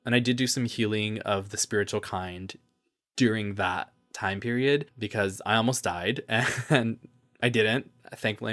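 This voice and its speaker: Earnest, reflective man with a lowish voice. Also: fairly bright tone. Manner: earnest and reflective, openly emotional; loose, rambling asides between read passages. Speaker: podcast host. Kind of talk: personal podcast monologue.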